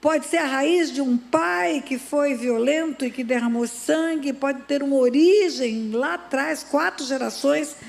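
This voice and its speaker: A woman's voice: high-pitched, creaky, darkish tone. A woman pastor giving an emphatic sermon full of dramatic stories. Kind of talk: sermon with storytelling.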